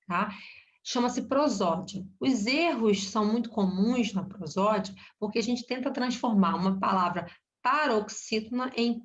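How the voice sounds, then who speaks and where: A woman's voice: fairly high pitch, fairly bright tone. A woman with a Brazilian Portuguese accent teaching a recorded grammar lesson, explaining step by step and checking in with short tag questions. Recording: dull lo-fi recording.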